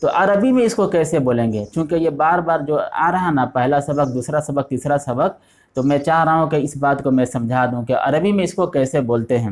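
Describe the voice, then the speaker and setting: A man teaching an online language lesson, patiently repeating each word several times. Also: on the high side. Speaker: Arabic teacher.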